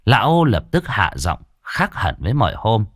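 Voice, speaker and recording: A man narrating an audiobook story in an expressive, colloquial way. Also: on the low side, moderate pace, dry recording, clean studio sound.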